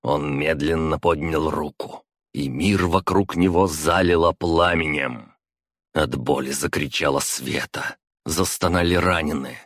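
Deep-voiced male audiobook narrator. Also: a little slow, a bit bright, no echo, clean studio sound. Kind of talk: scripted fantasy narration.

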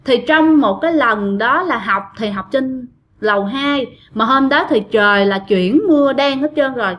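Chatty woman telling ghost stories. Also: sits high. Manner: chatty, addresses listeners directly, many fillers. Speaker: ghost story narrator. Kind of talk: casual storytelling of listener ghost stories. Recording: dull lo-fi audio.

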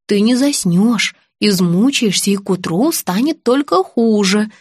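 A woman's voice: mid-range voice, expressive, unhurried, a little mellow, husky, no room sound, clean studio sound. A woman reading an audiobook, voicing a female dentist who coos endearments while insisting firmly. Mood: cooing. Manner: cooing, insistent. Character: dentist woman, adult, sugary and pushy.

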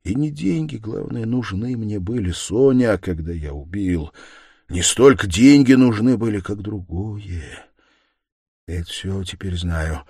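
A man's voice: fairly low pitch, lively intonation, unhurried, warm tone, breathy edge, no room sound, studio quality, pitched above the performer's own voice, exaggerated voice. A male audiobook reader voicing a tormented, feverish young man who argues in agitated, bitter outbursts. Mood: feverish confession. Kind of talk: audiobook character voice.

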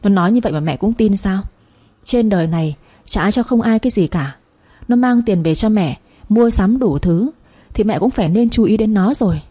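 A woman's voice: medium pitch, animated, moderate pace, dark tone, husky, no echo. A woman voicing an angry, blunt young man. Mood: angry reproachful. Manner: blunt, reproachful. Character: angry young husband and elder brother, blunt.

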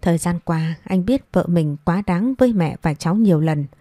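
Low, mellow-voiced woman narrating a story. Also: expressive, normal speed, no room sound, studio quality. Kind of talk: scripted narration.

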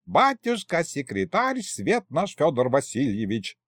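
A man's voice: fairly high pitch, huge pitch swings, unhurried, a bit bright, no echo, pitched above the performer's own voice, exaggerated voice. A man voicing a folksy pregnant female kikimora clerk who uses old-fashioned rustic speech. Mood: pleading. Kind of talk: audiobook character voice.

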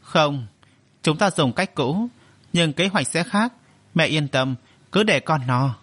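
A man's voice: fairly high pitch, expressive, takes it slowly, a bit bright, breathy edge, heavily acted. A man voicing a bitter, vengeful young man in an audio story, speaking coldly and curtly. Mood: scheming. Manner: cold and curt.

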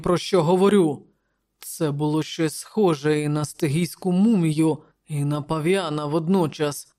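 A woman voicing a fierce, wounded barbarian king in a low, growling voice. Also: warm tone.

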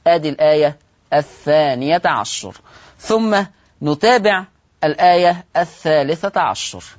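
A man's voice: fairly high pitch, expressive, no echo. Egyptian-accented male recitation teacher, asks and answers his own questions, dull dry broadcast audio. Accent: Egyptian Arabic. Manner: asks rhetorical questions and answers them, slows down to stress rules. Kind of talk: televised religious lesson.

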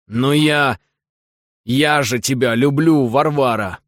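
Man doing a theatrical self-pitying husband, drawn-out nasal whine, dry close sound, audiobook. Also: medium pitch, fairly bright tone, no room sound. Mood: pleading. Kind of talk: audiobook character reading.

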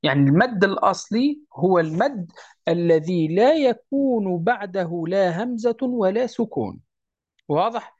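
Teacher, animated delivery, slow chanted verses, dull low-fi recording. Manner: repeats points and checks understanding. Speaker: Quran recitation teacher. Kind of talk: explaining a lesson.

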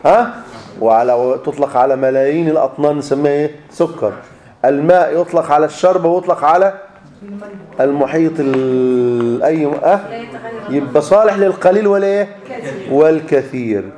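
A man with an Egyptian accent lectures on grammar in a fairly high voice, drilling each rule with questions that he often answers himself. His voice rings around an echoey classroom. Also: brisk, dark tone. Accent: Egyptian Arabic. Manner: drills students with repeated fill-in questions, then answers himself. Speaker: grammar teacher. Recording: echoey room.

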